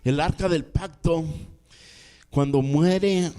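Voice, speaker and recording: A male minister preaching a sermon, telling a Bible story dramatically, swinging from soft low asides to raised emphatic lines and calling out amén. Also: slow pace, clean tone.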